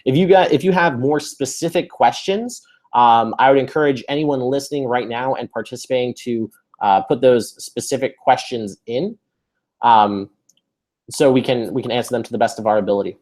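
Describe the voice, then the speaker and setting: A man's voice: medium pitch, moderate pace, darkish tone. A man hosting a live webinar over a video call, upbeat and chatty, with many fillers and restarts. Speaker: webinar host.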